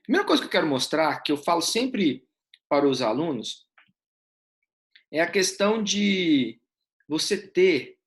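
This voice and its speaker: A man's voice: on the high side, big pitch swings, measured pace, long pauses. A man teaching essay writing in a live online class with a Brazilian Portuguese accent, explaining step by step and asking his students questions.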